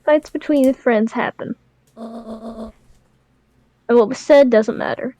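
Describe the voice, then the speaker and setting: A woman voicing a kindly elderly grandmother in an improvised game voice-over, calm and mischievous with crude jokes. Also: fairly high pitch, slow, dry recording. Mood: gentle. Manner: calm, warm-hearted advice with crude jokes.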